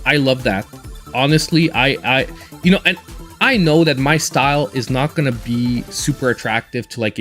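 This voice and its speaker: Man in his forties, relaxed gameplay host, reserved chat, medium pitch. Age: 40s. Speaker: gaming streamer host. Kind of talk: casual live-stream gameplay chat.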